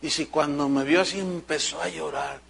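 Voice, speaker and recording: A man preaching a sermon as pastor, telling stories in an animated way and acting out the voices of the people he quotes. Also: a little high, moderate pace, creaky, slightly rough.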